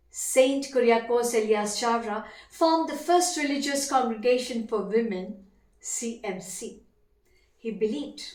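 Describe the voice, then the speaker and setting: A woman with an Indian accent delivering formal competition oratory in a declamatory, deliberate, emphatic manner with dramatic pauses. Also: a little high. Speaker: teacher competing in elocution contest. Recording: echoey room.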